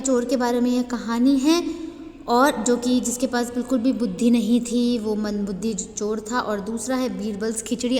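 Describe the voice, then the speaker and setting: A Hindi-speaking woman teacher with an Indian accent guides children through a worksheet, slowly reading English answers aloud for dictation. Her voice is on the high side and a little mellow, and she is in a large hall.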